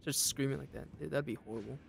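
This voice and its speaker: Playing through a game on stream, this young man talks fast in a creaky voice, jittery and prone to laughter. He imitates enemies with high-pitched voices, and there's a slight hiss or hum on the audio.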